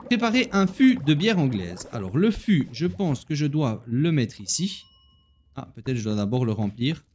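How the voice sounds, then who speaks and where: A man hosts a gaming video, chatting casually and directly to viewers while he plays and laughing at himself. His voice is medium-pitched, sing-song and a little mellow, at a normal speed.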